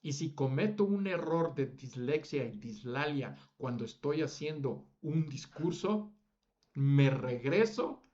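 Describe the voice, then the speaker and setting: A man's voice: a little high, lively intonation, slow pace, a little mellow, dull audio. A man teaching a public speaking class, stressing each item in his lists and now and then correcting a slip. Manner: emphatic, lists words with rising stress; self-correcting slips. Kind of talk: lecture to students.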